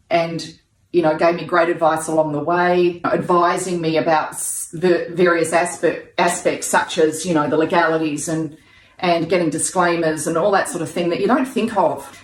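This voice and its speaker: A woman giving an excited testimonial about her book, out of breath and gushing with delight. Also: fairly low pitch, echoey room. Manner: gushing, elated.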